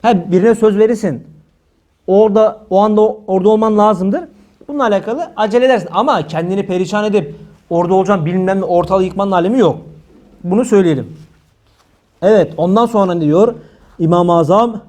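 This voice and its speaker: High-voiced, warm-toned preacher. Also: male voice, fairly quick. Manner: humorous, teasing the audience between teachings. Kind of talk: religious talk to a live audience.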